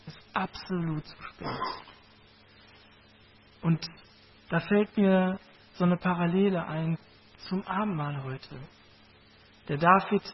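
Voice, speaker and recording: A man's voice: a little high, slight background noise. A man preaching a sermon with a Bible reading, in a conversational, reflective way. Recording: dull lo-fi recording.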